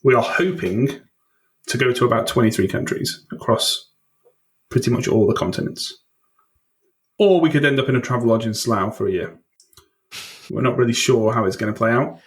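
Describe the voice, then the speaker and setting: A man's voice: mid-range voice, normal speed, long pauses. A man being interviewed on a podcast, thoughtful and self-deprecating, with hesitant restarts. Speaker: podcast guest. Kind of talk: casual interview chat.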